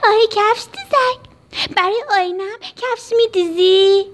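A woman voicing a small, cheerful, helpful mirror in a children's radio story, squeaky and playful.

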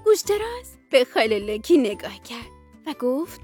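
A woman's voice: sits high, very animated, darkish tone, faint music behind. Sing-song woman reading a children's story. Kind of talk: children's bedtime story narration.

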